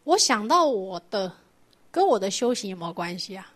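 A woman's voice: medium pitch, sing-song, moderate pace, fairly bright tone. A woman teaching a Buddhist doctrine lecture, explaining patiently and asking her class rhetorical questions.

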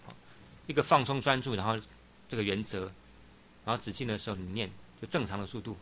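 A middle-aged Buddhist teacher answers questions in a dharma talk, explaining patiently and often saying "好" between points. His voice is lowish, fast and fairly bright, with slight background noise.

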